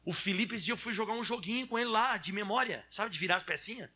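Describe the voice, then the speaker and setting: A man in his thirties preaching as a pastor in church, lively and animated, acting out children's whiny voices. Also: sits high, fast. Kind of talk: sermon.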